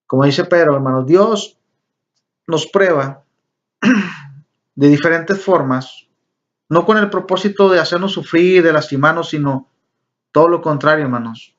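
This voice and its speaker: A man's voice: on the high side, measured pace, pauses often. A man teaching a Bible lesson, often calling his listeners brothers and asking them rhetorical questions. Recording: dull lo-fi recording.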